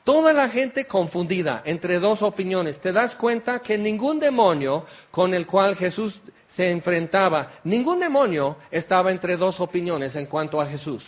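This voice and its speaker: A man preaching a sermon, animated and teasing, firing questions at his listeners. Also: high-pitched, a little slow, few pauses, lo-fi sound.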